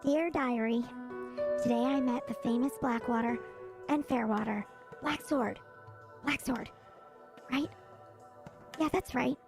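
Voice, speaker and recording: Woman as a game master doing Elia, a bubbly high voice-changer girl. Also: unhurried, long pauses, music in the background. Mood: musing. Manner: chatty, eager and giggly. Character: bubbly young woman who studies the heroes. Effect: pitch-raising voice changer. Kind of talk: tabletop game roleplay.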